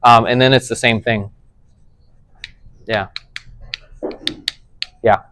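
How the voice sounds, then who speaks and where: A man's voice: mid-range voice, fairly even intonation, slow pace, a bit bright, a little hiss or hum, poor audio. A man teaching a casual tech class, explaining things conversationally and often checking whether his listeners follow. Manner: conversational, checks understanding with frequent "does that make sense".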